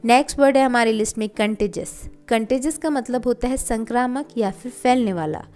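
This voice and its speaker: A woman with an Indian accent teaching English vocabulary, reading each example sentence slowly and clearly, then explaining it in Hindi. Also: a little high, a little mellow, faint music behind.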